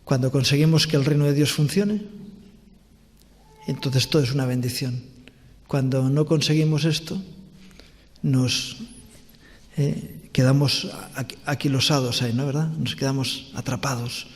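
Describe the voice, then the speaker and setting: A man pastor with a Spanish accent preaching a sermon in a church, earnest, with pauses, restarts and rhetorical questions. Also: medium pitch. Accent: Spanish from Spain. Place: church hall. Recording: long church reverb.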